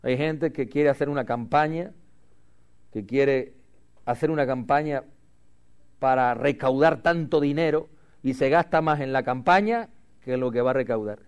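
A male pastor preaching a sermon, leading the congregation in call-and-response and moving between loud emphatic lines and quiet asides. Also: medium pitch, moderate pace, long pauses, smooth.

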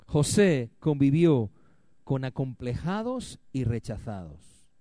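Emphatic pastor preaching, dry sound. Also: male voice, medium pitch, sing-song, takes it slowly, mellow, no echo. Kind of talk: sermon. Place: church.

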